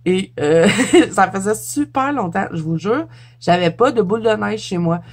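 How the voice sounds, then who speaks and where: A woman's voice: medium pitch, lively intonation, normal speed. A middle-aged woman with a Quebec French accent, chatting casually in a show-and-tell vlog, laughing often and tripping over her words. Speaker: YouTuber.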